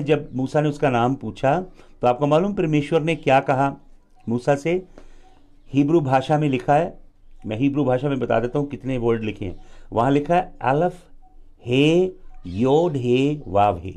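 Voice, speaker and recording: A man preaching a live sermon as pastor, delivering deliberate phrases with pauses and leading the congregation in call-and-response. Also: medium pitch, darkish tone.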